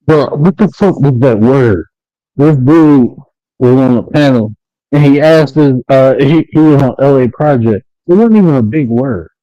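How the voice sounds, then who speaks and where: Man on a podcast, muffled like through a wall, dull lo-fi line, dark tone, blunt and profane. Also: medium pitch, unhurried, no room sound. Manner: blunt, profane, animated storytelling. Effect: muffled, as if heard through a wall. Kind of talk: casual chat.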